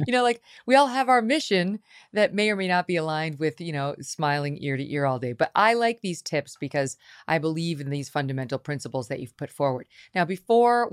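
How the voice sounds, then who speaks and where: Low-voiced chatty woman host. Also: no room sound, studio quality. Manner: chatty, animated, quick asides. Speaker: podcast host. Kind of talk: casual interview chat.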